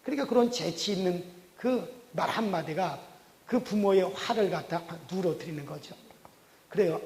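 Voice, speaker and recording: A male pastor with a fairly high voice preaches in a folksy, storytelling manner. His words hang in a big church with a long reverb tail. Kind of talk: sermon. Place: church sanctuary.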